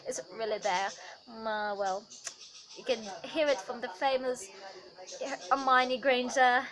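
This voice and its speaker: A woman's voice: a little high, steady tone, a little slow, a bit bright, poor audio. A young woman giving a casual vlog lesson on pronunciation, chatty, with many fillers and self-corrections. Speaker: accent tutor.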